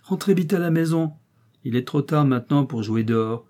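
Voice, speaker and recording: A man's voice: a little high, lively intonation, moderate pace, warm tone, voice pushed up, natural voice. A man reading aloud, voicing a middle-aged father who talks in a firm, brusque way.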